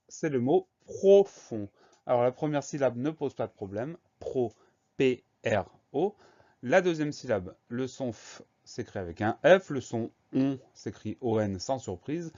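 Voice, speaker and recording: A man's voice: medium pitch, animated, measured pace, a little mellow, muffled recording. A man teaching a spelling lesson, patiently spelling out each word letter by letter.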